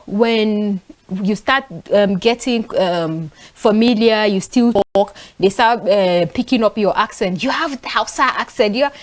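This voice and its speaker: A young woman from northern Nigeria, speaking with a Nigerian accent, sits on a talk show panel in a casual discussion. Her voice is a little high, and she tells stories animatedly with lots of fillers.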